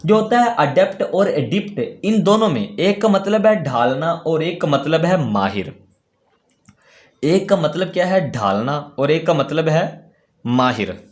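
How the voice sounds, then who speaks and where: A young man teaches vocabulary to students. His voice sits a little high and rises and falls a great deal. He poses his own questions, answers them, and repeats each word slowly so it sticks. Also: expressive. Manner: repeats key words slowly. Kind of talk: classroom lesson.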